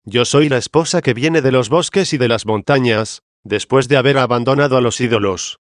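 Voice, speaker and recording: A man's voice: mid-range voice, moderate pace, dry recording, studio quality, close to an everyday voice. A man voicing the Church personified as a proud queenly woman, in a solemn and reproving audiobook reading of a theological dialogue. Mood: stern.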